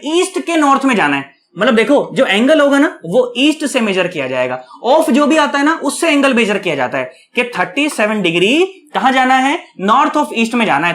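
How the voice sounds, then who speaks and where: A man teaching physics at a board, asking questions and answering them himself in a chatty, coaxing way, repeating key words slowly. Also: extremely high pitch, a bit bright. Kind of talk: online lecture, explaining at a board.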